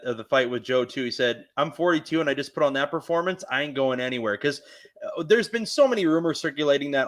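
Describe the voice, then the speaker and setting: A man's voice: mid-range voice, a bit bright. A man with a Canadian accent hosting a podcast, talking fights in an eager, rambling way. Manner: eager, rambling fan talk. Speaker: podcast host. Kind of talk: casual sports chat.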